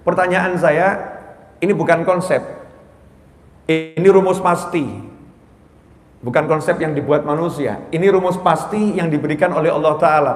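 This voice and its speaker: A man preaching in a mosque, joking with the congregation and then building to forceful exhortation. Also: high voice. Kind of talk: sermon. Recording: echoey mosque hall.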